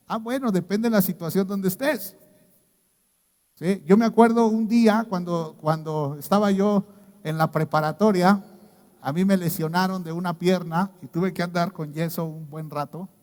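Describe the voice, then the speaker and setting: A man with a Mexican accent preaching a sermon as pastor, telling stories in a lively way and often checking in with "¿sí?". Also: high voice, big-room sound. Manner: animated storytelling with repeated "¿sí?" checks.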